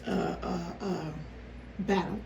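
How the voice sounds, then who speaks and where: A woman vlogger telling a story casually to her viewers, animated and exasperated, with rhetorical questions. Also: on the low side, takes it slowly, vocal fry, highs cut off. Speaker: mukbang vlogger. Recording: roomy, noisy, distant microphone.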